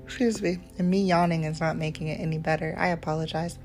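A woman in her twenties hosting a casual faith-based podcast, talking in a relaxed, rambling way with many ums and asides. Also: low voice, fast, soft background music. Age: 20s. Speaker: podcast host.

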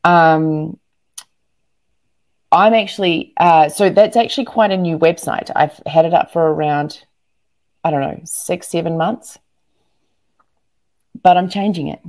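Speaking in a lowish, darkish voice, she is unhurried and pauses often. As an entrepreneur and speaker being interviewed before a live online audience, she talks with animated energy and emphasis, frequently repeating words to drive points home.

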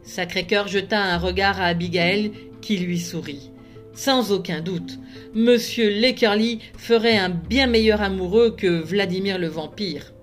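A woman, a librarian, reading a children's storybook aloud with measured, expressive narration. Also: mid-range voice, soft background music.

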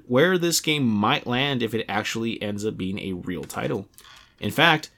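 A young adult man hosts a casual video game podcast. He rambles, starts sentences over and fills gaps with "like" and "uh," his voice sitting in an ordinary middle pitch. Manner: rambling, many restarts and fillers. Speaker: podcast host.

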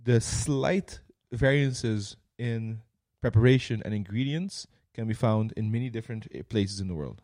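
A young man from Curaçao, co-hosting a casual chat, animated and playful, swearing freely. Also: lowish voice, moderate pace, few pauses. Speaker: podcast co-host.

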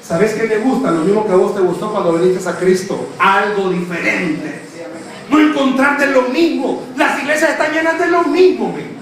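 A man's voice: sits high, normal speed, fairly bright tone, recorded from a distance. A young man, preaching a humorous youth sermon, teasing the crowd and acting out quotes. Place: church. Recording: echoey church hall, preacher off-mic, crowd behind.

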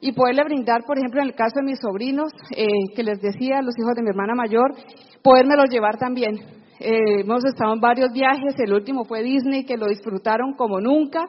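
A woman giving a personal testimony about her family at a live event, with warm, hesitant phrasing, in a dull live recording in a reverberant hall. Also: a little high, fairly quick.

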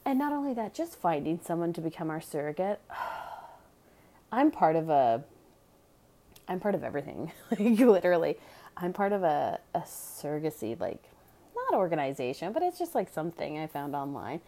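A woman's voice: sits low, big pitch swings, normal speed, warm tone. A woman candidly telling a personal story in casual chat, blunt and chatty with sarcastic asides.

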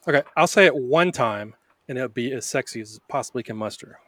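A man's voice: medium pitch, expressive, quick pace, fairly bright tone, no room sound. A man as a podcast guest, playful in casual chat, with stumbling restarts.

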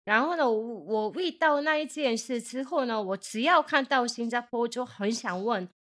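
Woman, slightly high voice, expressive anecdote teller in casual chat. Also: normal speed. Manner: expressive, exclaims and laughs at her own story.

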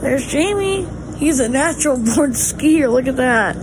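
A Southern American woman talks casually to her vlog viewers in a fairly high voice. Her delivery is slow, drawling and folksy, with encouraging words. The handheld recording carries clear background noise and vehicle rumble. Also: animated. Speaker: family vlogger.

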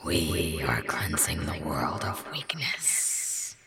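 A woman voicing a sinister ancient cursed mask in a slow, menacing whisper. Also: a bass voice, big pitch swings, crowd noise, pitched below the performer's own voice, heavily acted. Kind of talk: fan audiobook character voice.

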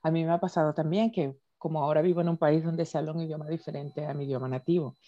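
A Venezuelan woman chatting casually in a lowish voice, telling her stories with lots of animation and frequent laughter. Her audio is dull and lo-fi, as if it comes through a remote call. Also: fast, no echo. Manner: animated storytelling, laughs often. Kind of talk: casual conversation.

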